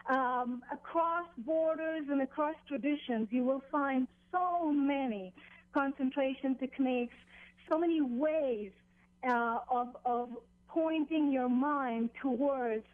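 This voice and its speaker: A woman on a phone line explaining meditation as a teacher, deliberately, with pauses and repeated phrases. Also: high-pitched, dry recording. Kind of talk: explanatory radio interview, spiritual instruction. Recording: dull, narrow telephone line.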